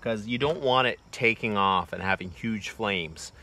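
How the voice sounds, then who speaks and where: Filmed on a phone held close in a wooded bee yard, this homesteading vlogger in his forties gives an unhurried, plainspoken how-to. His voice is lowish with a sharp tone, and loose fillers crop up often. Insects and crickets can be heard in the background.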